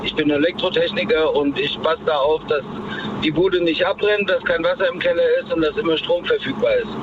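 Guy on speakerphone in his car, kinda high voice, muffled line, loud road noise. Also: fairly even intonation. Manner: halting, restarts and repeats words. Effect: hands-free car phone. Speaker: caller. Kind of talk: casual chat on a call-in radio show. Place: in a moving car.

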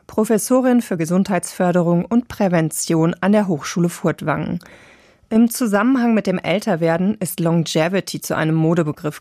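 A woman reading a calm, scripted science radio feature. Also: fairly low pitch, no echo, clean studio sound. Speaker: radio narrator.

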